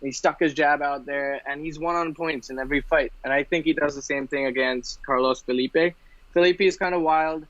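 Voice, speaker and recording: A man from India talks fight bets in a casual podcast chat, his voice sitting a little high. He rambles and restarts his sentences often. The recording is dull and lo-fi, with a dry, close sound. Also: fairly even intonation, a bit bright, dry recording. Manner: quick, rambling, many restarts. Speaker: podcast co-host.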